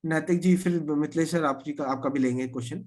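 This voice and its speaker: A man's voice: on the high side, fairly even intonation, fairly quick, darkish tone. Man briefing a group on insurance. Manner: confident, repeats 'theek hai' to check understanding. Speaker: insurance advisor leading a training session. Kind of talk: explaining policy points to a group.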